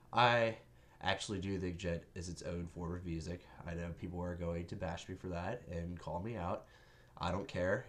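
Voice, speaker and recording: A young man with a low, deep voice that sounds stuffed up and nasal from a cold. He talks casually and bluntly, brushing off critics as he reviews an album. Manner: blunt, offhand, defiant.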